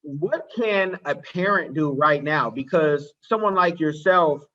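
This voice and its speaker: A middle-aged man hosting a podcast speaks in a conversational way, building up long, winding questions. His voice sits a little higher than average, and the audio comes through dull and muffled. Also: a little slow, sharp tone, slight background noise. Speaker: podcast host. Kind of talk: podcast interview.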